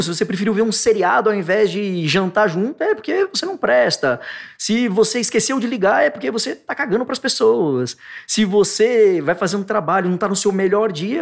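A man with a Brazilian Portuguese accent, a guest explaining stress and anxiety. He acts out angry outbursts in sharp bursts, then drops to a soft, low tone for the calm points. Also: vocal fry.

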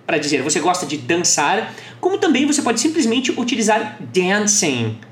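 A woman teaching English to Portuguese speakers, slowing down her model phrases for the listener to repeat. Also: on the low side, huge pitch swings. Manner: slow, drawn-out model phrases for repetition. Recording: echoey room with faint music.

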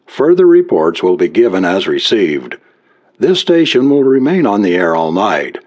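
A man's voice: low voice, sing-song, normal speed, a little mellow. A man reading as a grave radio newsreader. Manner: formal bulletin delivery. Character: male radio news announcer, formal and urgent. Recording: dull lo-fi recording.

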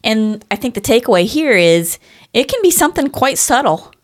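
A woman's voice: a little high, big pitch swings, normal speed. A woman co-host talking in a conversational discussion style. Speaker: podcast co-host.

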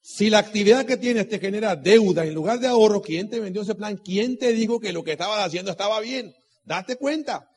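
A man's voice: high-pitched, fairly quick, a little mellow. A middle-aged man giving a motivational talk to an audience, preachy and full of rhetorical questions, repeating his key lines and mixing in personal stories. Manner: tells personal anecdotes. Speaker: motivational speaker at a business meeting.

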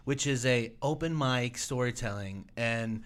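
A man's voice: medium pitch, a little slow, a bit bright, clean tone. A man co-hosting a casual podcast, running through upcoming local events in a chatty, rambling way.

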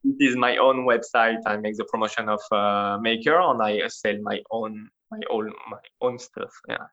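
A man from France with a French accent, a blacksmith guest speaking in a casual interview, halting and searching for words with frequent laughs. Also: fairly low pitch, a bit bright, lo-fi sound.

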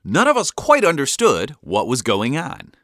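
A man from the Midwest telling a funny family story with deadpan, exaggerated asides. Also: mid-range voice, unhurried, dry recording, clean studio sound. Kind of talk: comic storytelling.

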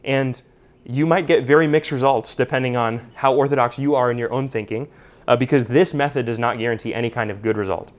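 A man's voice: medium pitch, fairly even intonation, fairly quick. A man teaching a Bible study class in a conversational way, with lots of "you know" and "uh". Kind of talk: unscripted teaching talk.

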